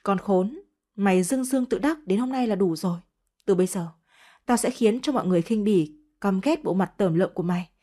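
A woman's voice: a little fast, warm tone, natural voice. A woman voicing a spiteful young woman who curses and wails accusations. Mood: venomous. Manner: shrill cursing, wailing accusations. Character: vicious spiteful young woman, hysterical mother.

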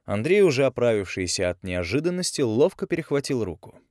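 A man narrating an audiobook in an expressive, measured storytelling manner. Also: medium pitch, dry recording, studio quality. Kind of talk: scripted narration.

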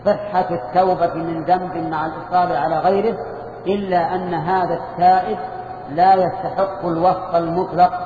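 A high-voiced man teaches a religious lesson, slowly repeating key phrases and quizzing his listeners. He is heard from far off in a long-echoing hall. The old recording is dull and lo-fi, with a faint hiss beneath. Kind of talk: classroom lecture.

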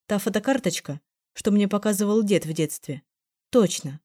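A woman reading a first-person story as an audiobook narrator in a measured, even way. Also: mid-range voice, no room sound, studio quality.

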